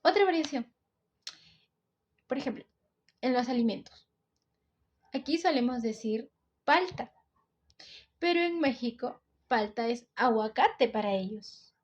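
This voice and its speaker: A woman's voice: fairly high pitch, animated, unhurried, pauses often, highs cut off. A teenage girl with a Peruvian coastal accent, explaining a school topic step by step in a video. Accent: Peruvian coastal Spanish. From Peru. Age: teens. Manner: explains step by step, often says "entonces". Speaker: student presenter.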